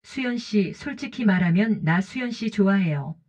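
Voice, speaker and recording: A woman voicing a gentle older man who speaks softly and politely, on a dull lo-fi recording. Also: medium pitch, animated, moderate pace, lightly acted. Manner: soft, polite, reassuring. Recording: dull lo-fi audio.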